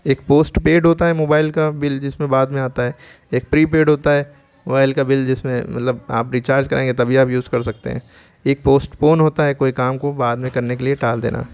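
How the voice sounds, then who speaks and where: This vocabulary lesson has a man at medium pitch with a clean tone, explaining English words in Hindi. Each word gets spelled out slowly, letter by letter, then repeated along with how it sounds and what it means, and he keeps asking "ठीक है?".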